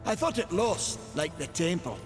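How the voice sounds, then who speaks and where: An actor playing an eager, boyish young Maker in a fantasy game, with an earnest, excitable manner. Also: male voice, sits high, moderate pace. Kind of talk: dramatic fantasy game dialogue. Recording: long reverb, music behind.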